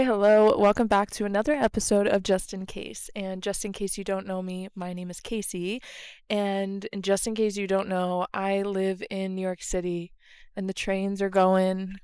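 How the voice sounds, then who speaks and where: A woman's voice: medium pitch, a little mellow, clear, resonant tone, dry recording, clean studio sound. A young woman hosting her podcast, chatting casually and laughing at herself while standing outside in the cold. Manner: chatty and self-mocking, laughs between phrases. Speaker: podcast host. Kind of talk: casual solo chat outdoors. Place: outdoors in the cold by a train line. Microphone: camera close up.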